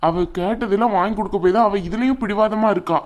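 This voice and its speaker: A woman's voice: medium pitch, fast talker, close to an everyday voice. A woman voicing a hot-tempered cartoon brother. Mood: scolding. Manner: gruff, scolding, impatient. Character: hot-tempered young man, elder brother. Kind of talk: cartoon voice acting.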